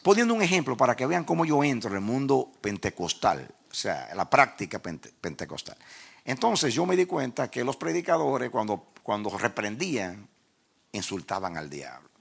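A man preaching a sermon, telling a story in an animated way that swings from quiet talk to loud outbursts. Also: medium pitch, moderate pace, gravelly, breathy edge.

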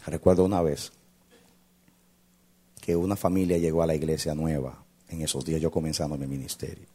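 A male pastor telling a story in a sermon, dramatic, swinging from shouts to hushed tones. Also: a bass voice, flat delivery, a little fast, husky.

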